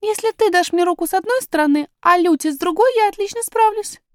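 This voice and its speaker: A woman's voice: very high-pitched, fast, dry recording, clean studio sound, voice pushed up. A woman reading a storybook, voicing a young princess girl who is frightened but willful, speaking in an eager, pleading way. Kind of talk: audiobook character voice.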